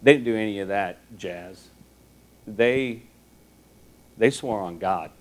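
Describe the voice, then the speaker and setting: A man's voice: lowish voice, slow pace. A man giving a casual sermon to students, talking conversationally, joking and acting out the voices of people he quotes. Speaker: teacher giving a Bible talk.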